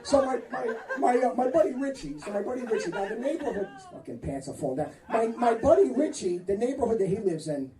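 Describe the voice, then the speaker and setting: A man's voice: very high voice, sing-song, fast talker, few pauses, echoey room. A man in his fifties doing a rambling, profane stand-up routine on a comedy club stage, cutting off hecklers as he goes. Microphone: handheld stage mic. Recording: distant mic, loud crowd laughter.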